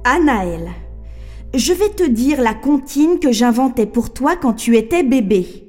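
A gentle storybook mother coaxes softly in a high, unhurried voice, as a woman plays her. Faint music runs underneath. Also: very animated, exaggerated voice. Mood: coaxing. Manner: soft and coaxing, sing-song rhyme. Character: gentle coaxing mother behind a door.

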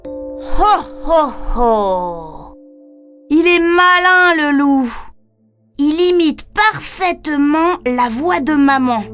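A woman narrates a children's story in first person with an expressive, high voice. She reads slowly and deliberately. Clear music plays behind her. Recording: storybook reading over music.

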